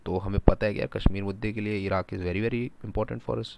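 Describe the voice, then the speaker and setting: A man giving a casual, animated lecture, mixing Hindi and English, asking his students rhetorical questions. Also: lowish voice, normal speed, gravelly, noisy background. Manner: animated, talks in first person as a country, rhetorical questions. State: sore throat. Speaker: teacher.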